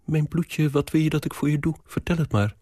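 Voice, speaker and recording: A man reading aloud and voicing an old peasant nursemaid who dotes on her young charge, with quick, fretful chatter. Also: a little high, mellow, no echo, studio quality, voice pushed up, close to an everyday voice. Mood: doting, fussing.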